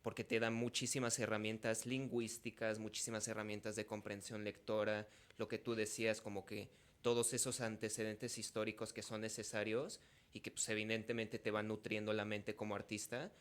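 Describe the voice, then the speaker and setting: A man's voice: fairly low pitch, level tone, fairly quick, a bit bright. A man, hosting a casual interview podcast. He speaks in a thoughtful, articulate way and weighs his points. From Mexico. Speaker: podcast host.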